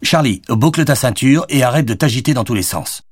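A man reading an audiobook, voicing an exasperated, bossy father who scolds in a raised, brisk voice. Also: fairly low pitch, lively intonation, a little mellow, husky, dry recording, studio quality, pitched above the performer's own voice.

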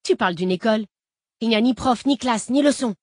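A woman reading an audiobook voices a defiant, swearing teenage boy who shouts back at a captor. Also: on the high side, fast, breathy edge, no room sound, studio quality, pitched above the performer's own voice. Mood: furious.

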